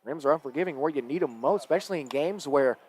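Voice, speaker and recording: A man with a high, bright voice calls a high school basketball game play by play, his delivery climbing with each drive and shot. A faint gym murmur sits under his words. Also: a little hiss or hum. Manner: rapid and energetic, rising with the action. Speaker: play-by-play announcer. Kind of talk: live basketball play-by-play commentary.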